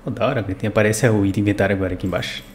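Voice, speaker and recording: Low-voiced Brazilian man streaming gameplay. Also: fairly even intonation, racing, a little mellow, a little hiss or hum. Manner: mixes English catchphrases into speech. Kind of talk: casual gameplay commentary.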